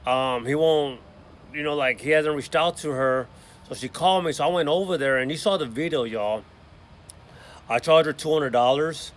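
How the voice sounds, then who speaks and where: A man's voice: a little high, moderate pace. A man who runs a lawn care business, talking casually to the camera from a yard and often saying "y'all" and "you know what I mean". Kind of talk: casual vlog talk to camera. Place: outdoors in a yard.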